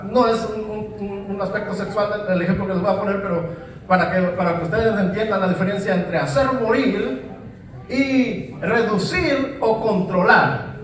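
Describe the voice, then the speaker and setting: A man's voice: high voice, slight background noise. A man preaching a sermon, emphatic, often repeating words and saying amen. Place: church hall. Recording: very echoey church hall, mic at a distance.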